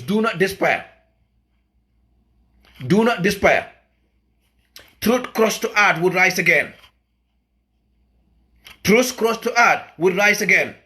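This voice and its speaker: Speaking with a high, sharp voice, a Gambian man delivers a fervent political address as an activist. His delivery is emphatic and full of repetition, and he frequently trips over his words.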